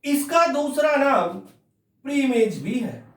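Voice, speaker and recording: A man teaching a math lesson, repeating each point slowly and telling students to listen closely. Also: very high voice, animated, a bit bright, echoey room, far from the mic. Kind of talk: classroom lecture.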